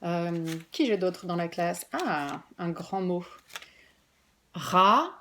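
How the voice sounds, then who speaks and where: A woman preschool teacher giving a remote lesson to parents and children, patiently clapping out syllables and stretching words slowly. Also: on the low side, darkish tone, a little hiss or hum.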